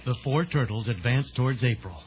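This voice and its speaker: A man of medium pitch, with a natural voice, tells a children's adventure audio drama expressively and a little quickly, in a theatrical announcer's manner. Loud dramatic music accompanies the dull, band-limited vintage recording.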